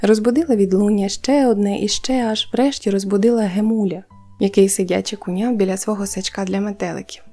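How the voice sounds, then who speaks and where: A woman narrating a children's fairy tale in an even storytelling manner. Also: medium pitch, brisk. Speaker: audiobook narrator. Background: faint music.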